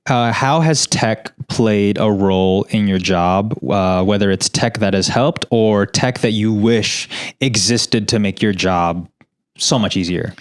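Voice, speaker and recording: A man's voice: on the low side, measured pace. A man interviewing in a casual, agreeable way, with informal and tentative phrasing.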